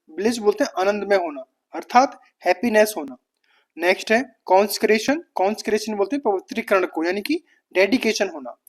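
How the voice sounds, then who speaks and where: A woman teaching exam vocabulary, briskly listing words and their meanings. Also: medium pitch.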